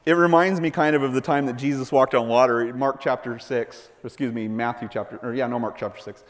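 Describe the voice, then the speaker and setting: A man preaching a sermon, lively and playful, acting out the voices of the people in the story. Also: mid-range voice, a little fast. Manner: animated, playful, acts out voices of Bible figures. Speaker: pastor. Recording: long hall reverb.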